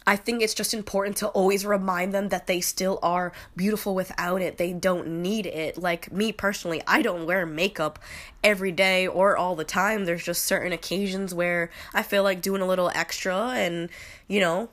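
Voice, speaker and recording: Her fairly low, fairly bright voice keeps a fairly even intonation at normal speed, slightly nasal because of a cold. This late-twenties podcast host wanders through her opinions in a loose monologue, packed with fillers and restarts.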